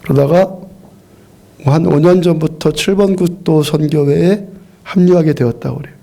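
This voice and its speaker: Gravelly, dark-voiced Korean pastor preaching. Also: male voice, fairly high pitch, moderate pace. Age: middle-aged. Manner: earnest storytelling with frequent restarts and repetitions. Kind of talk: sermon. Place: church sanctuary.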